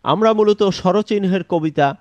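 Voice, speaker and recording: A man with a fairly high voice leads an online Quran lesson. He patiently explains each letter's point of pronunciation and calls the sounds out one at a time. The recording is close and dry, with no room sound. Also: moderate pace, a little mellow, no echo, lo-fi sound. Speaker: Quran teacher.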